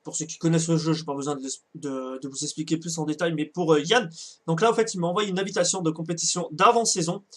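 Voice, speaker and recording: Hesitant French gamer, lots of fillers. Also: male voice, fairly high pitch. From France. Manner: hesitant, many fillers and self-corrections. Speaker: gaming channel host. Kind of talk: casual let's-play commentary.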